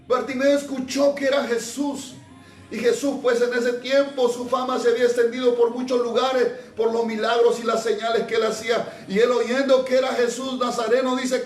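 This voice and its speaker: Casting: high-pitched Peruvian male preacher, fervent and exclamatory, distant echoey sound. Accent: Peruvian Spanish. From Peru. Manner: impassioned, exclamatory. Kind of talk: sermon. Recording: echoey room, far from mic, faint music.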